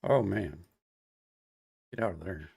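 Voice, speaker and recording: A man's voice: sits low, slow, creaky, darkish tone, breathy edge. A man streaming live, chatting in an easygoing, rambling way to his viewers while he works on a coding project, with lots of "uh"s and "um"s. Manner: easygoing and rambling, greets chat viewers, many fillers. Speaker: live streamer, software developer. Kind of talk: casual live-stream chat. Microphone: single desk microphone.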